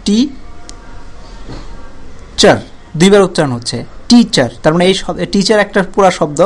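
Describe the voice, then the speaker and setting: A man with a slightly raised speaking voice explains a grammar lesson to students. He drags out example words and says them more than once, breaking them into parts, and pauses often as he feels his way through the explanation. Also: sits high. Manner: repeats and stretches words slowly to show syllables. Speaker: teacher.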